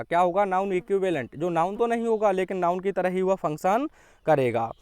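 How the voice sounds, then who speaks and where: Male grammar tutor, smooth high voice, quizzing style. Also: darkish tone, no room sound, clean studio sound. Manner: slow and drawn out when dictating English sentences, quizzing students with questions. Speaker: English teacher. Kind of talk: classroom grammar lesson.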